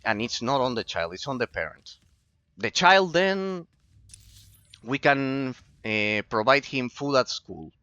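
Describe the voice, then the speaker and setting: A man's voice: on the low side, pushed and bright, dry recording, lo-fi sound. A man from Argentina, streaming a game while answering chat and rambling about philosophy, often repeating himself. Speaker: gaming streamer. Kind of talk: casual commentary while gaming, replying to chat.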